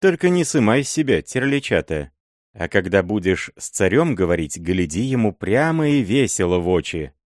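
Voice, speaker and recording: A man's voice: fairly low pitch, big pitch swings, moderate pace, darkish tone, no room sound, clean studio sound. A man voicing a crafty, fawning old male miller and sorcerer who wheedles and scrapes in an audiobook. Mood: wheedling.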